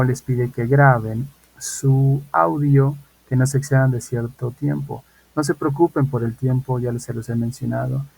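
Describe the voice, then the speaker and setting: A man's voice: mid-range voice, vocal fry, darkish tone, slightly rough, low-quality recording. A man, an English teacher explaining assignments in an online class and often checking in with his students. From Mexico.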